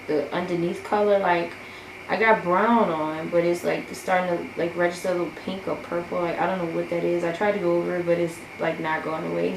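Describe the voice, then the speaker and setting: A young woman vlogger, rambling casually and joking about herself as she does her makeup. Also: fairly low pitch. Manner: chatty, self-deprecating, rambling with many fillers. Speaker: beauty vlogger. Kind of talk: casual get-ready-with-me chat. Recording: echoey room with background noise.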